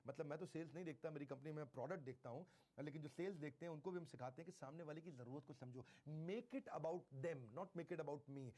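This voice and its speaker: A man giving a motivational sales lecture, stressing key phrases by repeating them slowly and mixing in English. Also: fairly high pitch, warm tone. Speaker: sales trainer.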